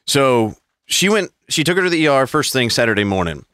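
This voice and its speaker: Man, podcast co-host, rambling profane storyteller, sharp bright voice, dry close sound. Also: medium pitch, very animated, fairly quick, clean tone, dry recording. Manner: rambling storyteller, heavy swearing, mocking voices in quotes. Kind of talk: casual profane chat.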